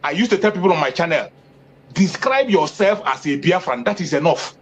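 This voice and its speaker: In an impassioned political interview, an activist speaks expressively and fairly quickly, his voice slightly rough. He hammers points home by repeating phrases and lifting his pitch on key words, emphatic throughout. The recording is dull and lo-fi.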